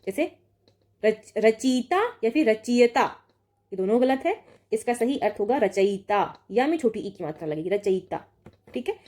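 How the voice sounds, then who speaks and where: A woman's voice: on the high side, expressive, normal speed, darkish tone. A young woman teaching an online exam-prep lesson, reading out word pairs and correcting each one with frequent check-ins. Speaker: Hindi exam tutor.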